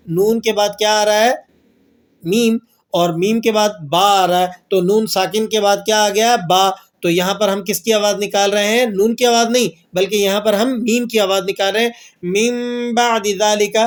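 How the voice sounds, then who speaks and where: A man teaching Quran recitation, who asks questions and answers them himself and slowly draws out the verses he recites as examples. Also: sits high. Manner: slow drawn-out recitation of verses. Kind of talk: tajweed lesson with recited examples.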